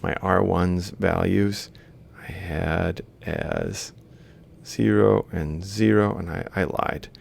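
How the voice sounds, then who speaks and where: Taking it slowly, a man with a creaky voice and fairly even intonation, a robotics lecturer, gives a casual worked-example lecture, explaining as he draws, reasoning aloud step by step and correcting himself. There's faint background noise with a low rumble.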